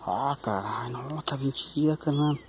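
Un hombre con acento mexicano que responde con frases cortas y animadas mientras acompaña a su compañero en el campo. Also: male voice, mid-range voice, unhurried, slight background noise.

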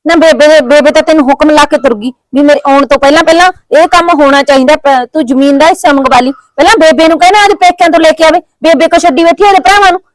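A woman playing a defiant sharp-tongued young wife. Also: sits high, no echo, close to an everyday voice, rough recording. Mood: indignant. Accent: Punjabi. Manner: loud, defiant, rapid scolding. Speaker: young wife arguing with husband. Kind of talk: comedy short-film acting.

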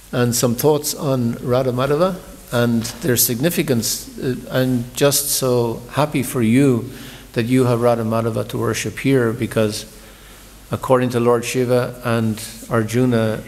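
Man preaching conversationally in a large temple hall, long reverb, mid-pitched voice, storyteller with stumbling restarts. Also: steady tone, measured pace, a little hiss or hum. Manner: warm storytelling, conversational, repeats words when he restarts. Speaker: visiting speaker giving a scripture class. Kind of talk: sermon.

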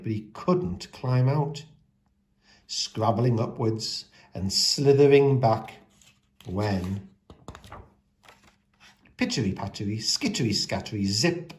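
This male storyteller has a lowish voice and reads rhyming picture books aloud for young children with plenty of expression.

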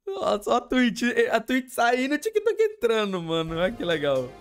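A young man with a Brazilian accent, streaming and reacting excitedly with lots of slang and exclamations. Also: very high voice, moderate pace, faint music behind. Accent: Brazilian Portuguese.

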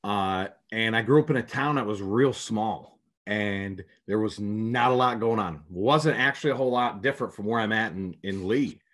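A man's voice: on the low side, normal speed, fairly bright tone. A man from upstate New York, a basketball coach, answering interview questions over a video call in a rambling, storytelling way with many restarts. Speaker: head prep basketball coach, guest.

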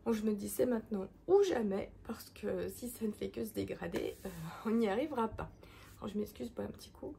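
A woman talks casually about her crafts and reading, wandering from thought to thought with frequent hesitations. Her mid-pitched voice has a gravelly edge, and a faint hiss sits under the recording. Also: lively intonation, a little fast, warm tone. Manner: rambling, many hesitations. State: hoarse from a head cold. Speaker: craft vlogger. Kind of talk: casual chat. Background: washing machine running.

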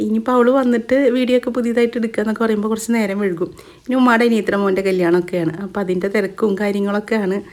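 A woman's voice: mid-range voice, darkish tone. A woman with a Kerala Malayalam accent, chatty, giving a casual voice-over for a home cooking video. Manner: chatty, adds tag words after each step. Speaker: cooking vlogger. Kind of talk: casual voice-over narration of a recipe.

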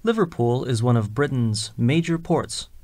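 A man's voice: medium pitch, lively intonation, moderate pace, darkish tone, no echo. A man reading scripted lines and instructions for a listening exercise, enunciating carefully and spelling out names. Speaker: exam recording reader.

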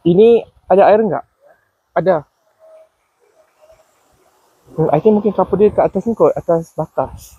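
A Malaysian vlogger with a Malaysian accent chats casually while walking through rice paddy fields, curious, asking questions and repeating the answers back. His voice sits high and a little rough, and he talks fairly quickly. The audio is dry and phone-quality, picked up by a body-worn action camera.

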